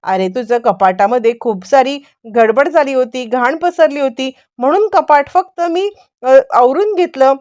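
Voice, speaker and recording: A woman voicing a polite, soft-spoken young daughter-in-law with a soothing manner. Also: high voice, measured pace, dull audio.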